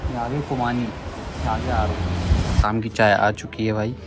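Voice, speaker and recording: एक युवक अपने रोज़ाना के व्लॉग में बात करता है। वह बातूनी है और दर्शकों को बार-बार भाई कहकर पुकारता है।. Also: male voice, fairly low pitch, little pitch movement, unhurried, very noisy. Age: young adult. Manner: chatty, keeps calling viewers brother. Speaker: vlogger. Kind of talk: casual daily vlog. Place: rooftop outdoors and small home room. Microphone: handheld phone camera at arm's length.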